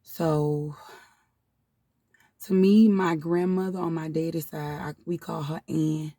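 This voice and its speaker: In a heartfelt confessional vlog, a woman in her thirties who hosts a spiritual channel tells her life story casually, fighting back tears and often addressing viewers as "y'all." Her low voice is warm, slow and fairly even, recorded cleanly in a studio with no echo but from a distant mic.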